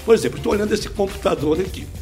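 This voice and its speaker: A middle-aged man, explaining a teaching method as an interview guest through lively step-by-step examples. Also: high voice, very fast, faint music behind. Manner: lively, didactic, full of examples. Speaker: speed-reading teacher, guest.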